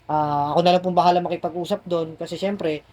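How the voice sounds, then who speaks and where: With a fairly high, darkish voice and fairly even intonation, a spiritual healer talks fast to his patients in an indoor healing session. He explains things repeatedly while coaxing and reassuring them.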